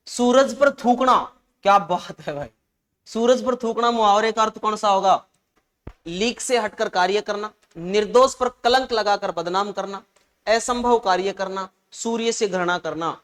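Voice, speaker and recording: High-voiced male teacher. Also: a little slow, a bit bright. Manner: chatty, addresses listeners as saahab and bhai. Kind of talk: exam-prep lecture.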